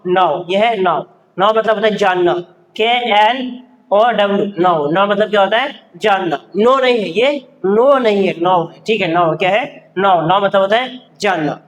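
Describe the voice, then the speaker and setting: A man's voice: high voice, normal speed, long reverb tail, rough recording. A male teacher giving a vocabulary lesson, repeating each word and quizzing his students. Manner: repetitive, drills words and asks the class questions. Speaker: English teacher. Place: standing at a board in a classroom.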